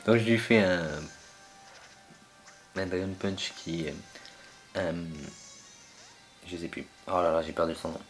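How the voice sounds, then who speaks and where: A man's voice: sits low, measured pace, pauses often, soft background music. A young man commentating his own online battle game match, hesitant and full of fillers as he searches for names.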